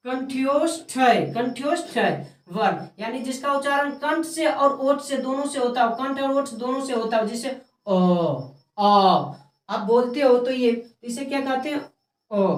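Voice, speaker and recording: High-voiced woman teaching grammar, echoey. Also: far from the mic. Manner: repeats terms and quizzes herself aloud. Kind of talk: grammar lesson explaining sounds.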